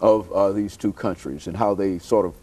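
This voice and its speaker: A man hosting a television interview, speaking slowly with many hesitant fillers. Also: sits low, fairly even intonation, warm tone, breathy edge. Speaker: host.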